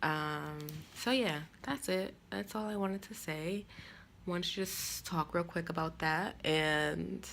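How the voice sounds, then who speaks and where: Young woman, casual vlogger, candid storyteller; low, gravelly delivery over faint room noise. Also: slow. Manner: candid, storytelling, animated when quoting others. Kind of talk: casual vlog talk.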